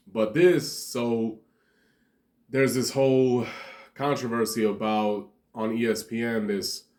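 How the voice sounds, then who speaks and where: A man from Montenegro giving a rambling, slangy commentary monologue as a vlogger, laughing between points. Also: lowish voice.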